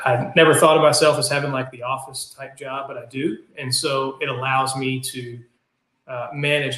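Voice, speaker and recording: A man's voice: medium pitch, fairly bright tone. Appalachian man in an echoey room. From Kentucky, US. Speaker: podcast guest, business owner. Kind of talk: casual conversational interview.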